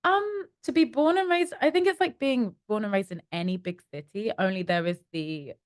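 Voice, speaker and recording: A woman's voice: medium pitch, normal speed, no echo, studio quality. A young woman from East London with a London accent, telling stories in a casual interview as a company co-founder. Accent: London English. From East London, England. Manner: chatty, animated storytelling with acted-out inner voices. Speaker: startup co-founder, guest.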